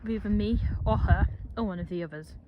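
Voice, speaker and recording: A chatty young woman vlogs outdoors at a horse yard, rambling along with joking asides as she narrates casually. Her medium-pitched voice moves quickly, and the narrow, tinny audio carries background noise from the stable yard.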